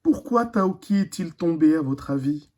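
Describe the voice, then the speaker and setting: A primary school teacher giving a recorded reading lesson to young children, speaking slowly and deliberately, repeating each word. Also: mid-range voice, animated, a little mellow. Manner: slow, deliberate, repeats and stretches words.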